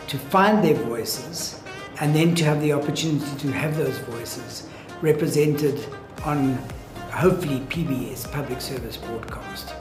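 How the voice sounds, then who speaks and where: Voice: medium pitch, darkish tone. An industry mentor speaking emphatically in a documentary interview. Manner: emphatic, rhetorical. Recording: echoey room with music behind.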